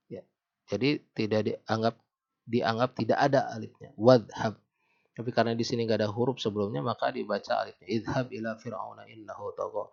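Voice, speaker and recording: A man giving a recorded Arabic grammar lesson, patiently quizzing the listener and slowing down to recite verses. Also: lowish voice, steady tone, gravelly, darkish tone. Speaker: Arabic teacher. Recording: dull lo-fi home recording.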